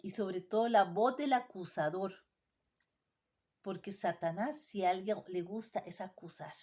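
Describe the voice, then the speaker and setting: A woman preaching to her congregation in a mellow, warm tone. She speaks with emphasis, poses rhetorical questions and repeats her points. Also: mid-range voice, measured pace. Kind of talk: sermon.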